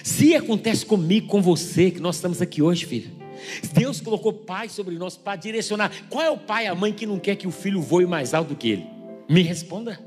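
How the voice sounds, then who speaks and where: A Brazilian pastor preaching in a high, bright voice, emphatic and lively. He acts out little everyday scenes with shifting voices to make his point. Soft music plays faintly under him. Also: brisk. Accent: Brazilian Portuguese. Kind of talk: sermon.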